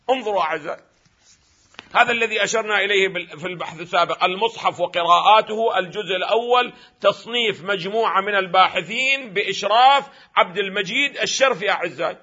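High, bright-voiced Iraqi scholar lecturing. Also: male voice, lo-fi sound. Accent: Iraqi Arabic. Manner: poses rhetorical questions and answers them himself; emphatic, at times raises his voice. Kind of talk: lecture on Quranic readings.

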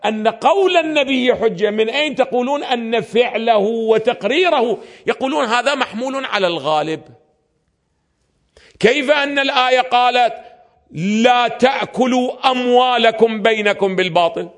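A man's voice: extremely high pitch, normal speed. A man teaching a lecture on religious legal theory. He throws questions at his listeners and answers them himself, stretching out the verses he recites.

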